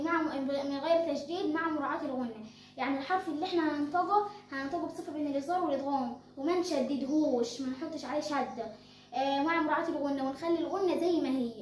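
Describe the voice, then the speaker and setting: A woman's voice: sits high, reverberant, slight background noise. A young girl with an Egyptian accent explaining tajweed rules as a teacher, asking and answering her own questions. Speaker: Quran recitation teacher.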